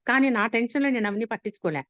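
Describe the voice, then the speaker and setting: Woman, rapid speech, dry close sound, animated personal story over a video call. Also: a little high, dry recording. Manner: animated retelling with frequent restarts. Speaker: class participant sharing an experience.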